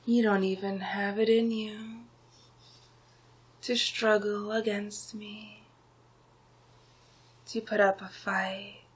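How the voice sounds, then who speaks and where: Playing a smug sorcerer villain for ASMR, a woman delivers his lines in a flat, mid-range, husky whisper-laden hush with soothing menace. Every word comes extremely slow and deliberate as he gloats and commands like a hypnotist, utterly sure of his dominance.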